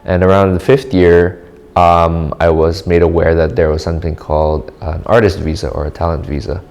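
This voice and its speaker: A man's voice: deep voice, little pitch movement, normal speed, a little mellow. A man from the Philippines, giving casual, thoughtful interview answers in short reflective phrases. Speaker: artist interviewee.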